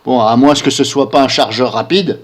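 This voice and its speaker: A man's voice: medium pitch, moderate pace. A man vlogging about product reviews he reads on screen, talking casually and sounding incredulous, with lots of filler tags and rhetorical questions. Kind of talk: casual commentary over a screen recording.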